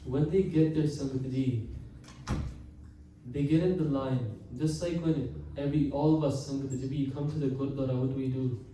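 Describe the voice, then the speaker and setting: A man delivers an earnest sermon, often calling out to the congregation and slowing down to stress key words. His voice is dark and mellow. It echoes heavily through a large hall, picked up from a distance with a faint hiss behind it. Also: mid-range voice, fairly even intonation. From Canada. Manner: earnest, addresses the congregation often, slows for emphasis. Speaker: Sikh preacher giving katha.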